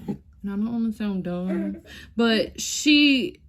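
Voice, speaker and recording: A young adult woman vlogger tells an emotional personal story in a casual, chatty style, often addressing viewers as y'all and sometimes nearly crying. Her medium-pitched voice is animated but slow, with slight background noise.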